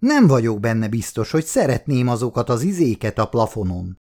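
A man reading an audiobook, voicing an elegant, proud older grandmother who talks in a brisk, composed way. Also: extremely low pitch, sing-song, darkish tone, heavily acted. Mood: wry.

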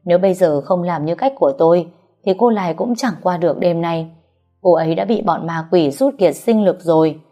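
A woman performs the part of an old male exorcist for an audiobook, making him confident and offhandedly dismissive of any worry. She speaks fairly quickly in a lowish, dark-toned voice that stays close to her everyday one, over soft background music.

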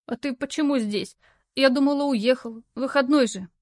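A woman voicing a stressed young office worker who sounds indignant and pleading, turning shrill when upset. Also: moderate pace, darkish tone, dry recording, clean studio sound, natural voice. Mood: tearful.

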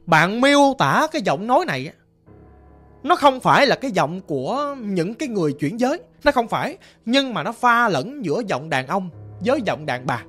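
A man in a Southern Vietnamese accent telling a ghost story in a chatty, animated way, talking straight to his listeners. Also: high voice, normal speed, soft background music.

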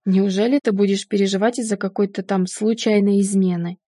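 A woman reading the lines of a calm, condescending husband who cheated on his wife, in an audiobook. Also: mid-range voice, a little fast, no echo, studio quality, lightly acted. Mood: smug. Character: unfaithful husband, middle-aged man, smug and dismissive.

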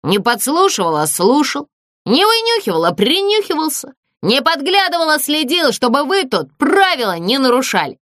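A woman's voice: high-pitched, sing-song, moderate pace, a bit bright, dry recording, clean studio sound, pitched above the performer's own voice. Woman doing a sulky theatre ghost. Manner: prim, sulky, self-justifying. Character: touchy, secretive male theatre ghost.

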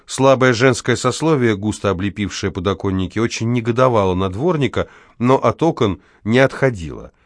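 A man's voice: on the low side, animated, fairly quick, hardly any pauses, no room sound, studio quality. A man reading fiction aloud expressively as an audiobook narrator. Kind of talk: scripted narration.

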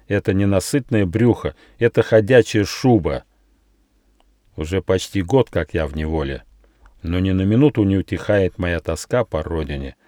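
A man voicing a proud, bitter female wild dog held captive, speaking slowly and with heavy emphasis. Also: low voice, mellow, dry recording, clean studio sound. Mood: scornful. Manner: scornful, slow and emphatic.

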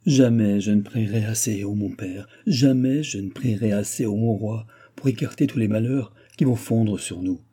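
A man's voice: lowish voice, normal speed, few pauses, mellow, slightly rough. A man reading as a devout, resolute princess. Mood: solemn. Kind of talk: audiobook character reading.

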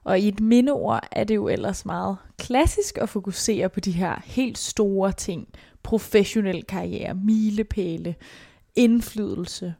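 A woman hosting a podcast interview, asking calm, guiding questions. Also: mid-range voice, creaky, dry recording, studio quality.

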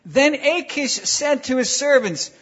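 A preacher giving a sermon in English, pausing for an interpreter, acting out the story with animated voices. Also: high voice, dull audio. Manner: animated, acts out the story with stutters and shouts.

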